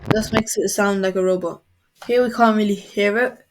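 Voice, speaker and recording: A woman in a screen-recorded coding tutorial, speaking in an even, mid-range voice. She explains each button plainly and step by step. Faint mouse clicks sit low in the background. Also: normal speed, background noise.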